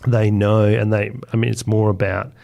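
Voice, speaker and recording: A man with an Australian accent, appearing as a guest author, chats informally and with enthusiasm in a casual interview. His voice is lowish and darkly toned with vocal fry, delivered flatly at a moderate pace, and the highs are cut off.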